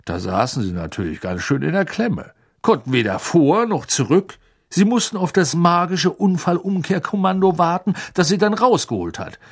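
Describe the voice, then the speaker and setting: Ein Mann spricht einen begeisterten, väterlichen Zauberer. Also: male voice, a little high, very animated, normal speed, breathy edge, pitched above the performer's own voice, exaggerated voice. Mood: eager explaining. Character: cheerful fatherly wizard, middle-aged man.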